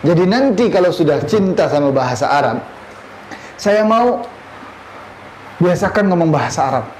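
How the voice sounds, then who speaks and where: A man's voice: on the high side, sing-song, normal speed. A man from Indonesia in his thirties teaching a classroom lesson, quizzing his students and mixing Arabic phrases into his talk. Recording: echoey classroom, faint room noise.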